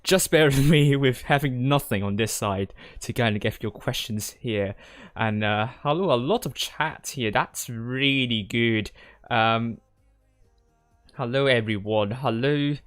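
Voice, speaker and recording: This young man from Hong Kong, a gaming streamer who also commentates tournaments, fields viewer questions casually from his desk chair, rambling and often repeating words. His medium-pitched voice is slightly slow and bright, on a dry recording.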